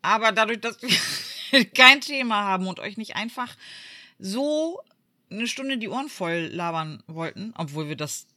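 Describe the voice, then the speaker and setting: A woman from Germany co-hosting a podcast in casual chat. She tells stories in a lively way, acts out what people said, and uses many fillers. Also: medium pitch, a little slow. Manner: lively storyteller who acts out quoted voices, many fillers. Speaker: podcast co-host.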